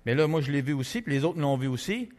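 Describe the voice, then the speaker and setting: A man with a Québécois French accent preaching a testimony sermon, telling his story in a lively, conversational way with many fillers. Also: a little high, fast talker, in a large hall. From Quebec.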